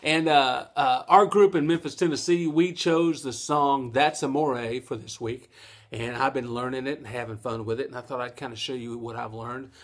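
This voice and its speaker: A man's voice: medium pitch, fairly even intonation, normal speed. A middle-aged man, giving a casual, folksy ukulele lesson and laughing at his own jokes. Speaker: ukulele teacher.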